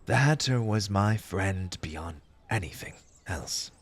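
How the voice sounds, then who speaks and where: A man voicing a grieving, eccentric March Hare, a mannered gentleman speaking formally and theatrically in an ASMR roleplay, halting with emotion. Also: low voice, expressive, slightly rough, full character voice. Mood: wistful, courteous. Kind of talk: ASMR roleplay character monologue.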